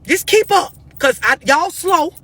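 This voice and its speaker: Speaking to her followers on a live stream, an American host delivers blunt, unscripted relationship advice in a very high, animated, slightly bright voice at a measured pace. The recording is dry. She presses her questions insistently, emphatic and confrontational throughout.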